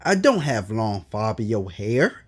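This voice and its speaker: Narrating the audiobook of his own life story, an author speaks candidly and colloquially, storytelling with emphatic asides. His husky voice sits on the low side and is very animated, though his pace is slow.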